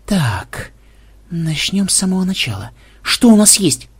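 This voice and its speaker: A man's voice: sits high, sing-song, a little slow, slightly rough, pitched above the performer's own voice, exaggerated voice. A man reading an audiobook and voicing a thoughtful, wry programmer who gives orders to his friends. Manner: musing, commanding. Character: pensive programmer hero, young man, wry.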